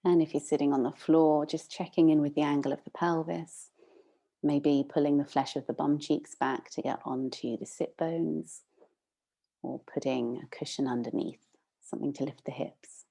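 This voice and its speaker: The speaker is a meditation teacher, a woman whose low, calm voice carries a creaky edge as she gives slow, gentle instructions.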